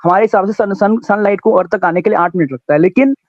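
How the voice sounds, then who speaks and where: A man's voice: high voice, quick pace, no echo. A male caller from India, heard over a call line, who argues earnestly and halts as he searches for words. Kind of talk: call-in debate question. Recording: dull lo-fi call audio, dry.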